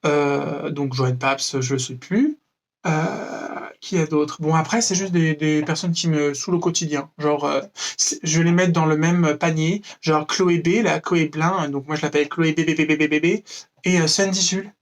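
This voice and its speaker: A young man from France rants to camera with mocking sarcasm. His voice sits a little high for a man, and he rambles through fillers and restarts as he goes. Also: fairly even intonation, moderate pace. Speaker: vlogger. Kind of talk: freestyle rant to camera.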